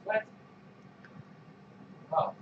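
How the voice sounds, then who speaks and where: A man with stuffed-up sinuses hosts a craft livestream, chatting casually and rambling with many fillers and restarts. He talks very slowly, and the audio is narrow, tinny and very noisy.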